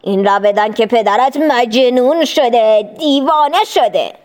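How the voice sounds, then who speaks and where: A woman's voice: fairly high pitch, darkish tone, close to an everyday voice. A sneering storybook devil, as a woman puts him on. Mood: taunting. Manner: taunting, drawn-out, with sneering laughs. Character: scheming mocking male devil. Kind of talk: storybook reading.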